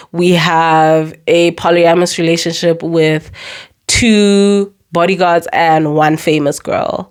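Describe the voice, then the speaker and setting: A young woman talking casually about books she has read, chatty and emphatic, with sarcastic asides and words repeated for stress. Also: on the low side. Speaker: book reviewer. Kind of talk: casual book review vlog.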